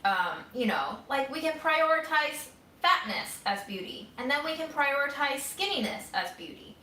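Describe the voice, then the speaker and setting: A woman's voice: sits high, very animated, moderate pace, sharp tone. A woman in her thirties vlogging in her kitchen while cooking, musing candidly and wryly in a rambling, casual way. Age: 30s. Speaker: vlogger caring for her grandmother. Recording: roomy sound, mic at a distance.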